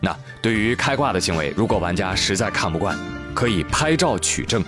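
A man's voice: on the low side, expressive, fairly quick. A man giving comic news commentary full of Chinese internet slang, telling stories in an exaggerated, teasing, sarcastic way. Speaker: host of a comic news show. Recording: music playing behind the voice.

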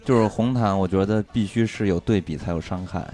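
Relaxed, low-voiced Chinese man co-host. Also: brisk. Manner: relaxed, explaining at length. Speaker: podcast co-host. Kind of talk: casual chat.

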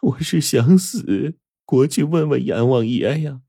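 A man voicing a distraught aging mother who pleads in a high, wailing lament. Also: animated, a little slow, creaky, warm tone, breathy edge, full character voice. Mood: despairing.

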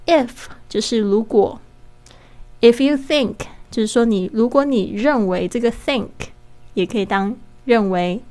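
A woman hosting a podcast English lesson, explaining step by step and slowing down to model English pronunciation. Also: fairly high pitch, darkish tone. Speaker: podcast host and English teacher.

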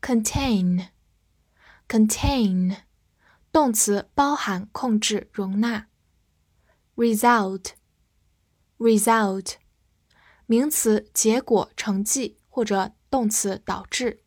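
Slow, careful woman teaching vocabulary. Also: mid-range voice, darkish tone, breathy edge, no room sound, studio quality. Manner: slow, deliberate, repeats each word twice. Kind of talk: vocabulary review lesson.

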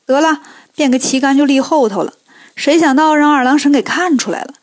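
A woman storyteller narrating a children's tale with lively, colloquial joking asides. Her voice is high. The recording is dry and close, with no room echo. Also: fairly quick.

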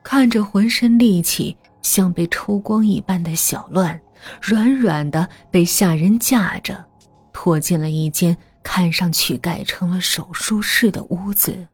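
A woman reads a horror story in a slow, hushed half-whisper, her low, breathy voice close and dry against faint music. Each phrase is drawn out and quiet. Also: dry recording. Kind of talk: scripted horror story narration.

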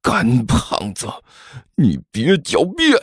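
A man voicing a vengeful, menacing rich schoolboy who speaks in slow, low threats. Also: huge pitch swings, breathy edge, no echo, studio quality, exaggerated voice.

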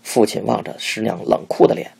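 A man reading a memoir aloud in an expressive storytelling manner. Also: brisk. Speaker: audiobook narrator.

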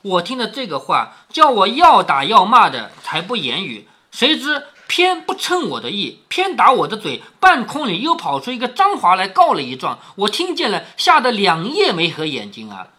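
A man's voice: high voice, huge pitch swings, normal speed, hardly any pauses, sharp tone, breathy edge, full character voice. A man reading the lines of a shrewd, scolding young noblewoman from a classic novel, in a mock-aggrieved, sly manner.

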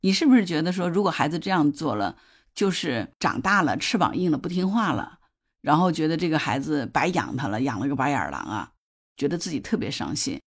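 Lively-voiced woman hosting a parenting podcast. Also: deep voice, fairly quick, breathy edge. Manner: conversational, often puts questions to listeners; tells a story from a TV drama in detail. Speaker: podcast host. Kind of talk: parenting advice podcast talk.

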